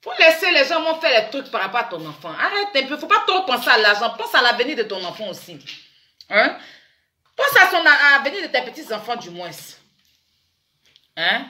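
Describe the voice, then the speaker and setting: Woman vlogger, fairly high and very bright, teasing, animated, bursts into loud exclamations. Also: a little fast. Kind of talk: chatty commentary vlog. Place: in France.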